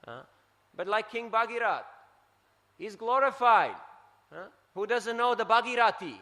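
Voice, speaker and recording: Bright-voiced Swiss man preaching. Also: high voice, a little slow, big-room sound. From Switzerland. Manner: animated storytelling, tags points with "huh?". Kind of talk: scripture class talk. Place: temple hall.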